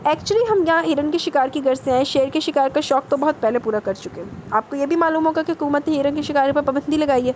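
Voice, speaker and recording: A woman's voice: high voice, a little mellow, a little hiss or hum, natural voice, rough recording. A woman reading a brash, mocking gangster man. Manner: mocking, boastful, playful threats.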